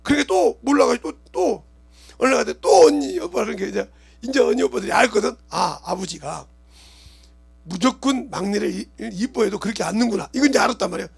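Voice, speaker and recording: A middle-aged man, a pastor, preaching a sermon that swings between loud shouting and quiet murmuring and often asks the congregation questions. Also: sits high, lively intonation, a little fast, gravelly, slightly rough.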